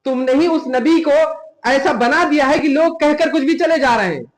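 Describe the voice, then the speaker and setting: A young man preaches with fervor in a strikingly high voice. He scolds his listeners and breaks into quoted scripture in Arabic. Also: moderate pace, rough recording. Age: young adult. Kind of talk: sermon.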